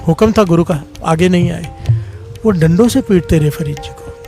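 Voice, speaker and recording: A man's voice: on the high side, normal speed, a little mellow, soft background music. A man delivering a storytelling Sikh sermon, calling on the congregation to answer him and rising to impassioned pleading. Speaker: Sikh preacher. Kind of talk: storytelling sermon with call-and-response.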